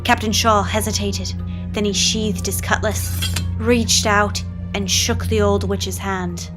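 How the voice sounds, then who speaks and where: A woman's voice: mid-range voice, music in the background. Woman narrating a pirate story. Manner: even, measured read-aloud delivery with pirate phrasing.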